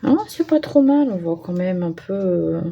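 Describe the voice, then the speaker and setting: A woman's voice: lowish voice, expressive, normal speed, vocal fry, highs cut off, slight background noise. A woman chatting casually as she works on an art journal page, thinking aloud with hesitations and small self-mocking remarks. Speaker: craft vlogger. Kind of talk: casual crafting commentary.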